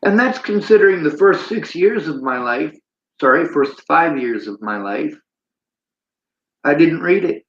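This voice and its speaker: A man's voice: on the high side, lively intonation, measured pace. Male streamer, preachy monologue, reads chat aloud; dull roomy audio. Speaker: livestreamer. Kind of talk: livestream monologue.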